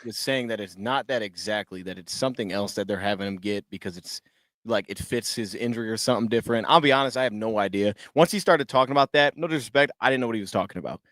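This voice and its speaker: Fast-talking male sports panelist. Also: on the low side, fairly bright tone, dry recording, clean studio sound. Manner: rambling, candid, slangy. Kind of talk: casual sports roundtable chat.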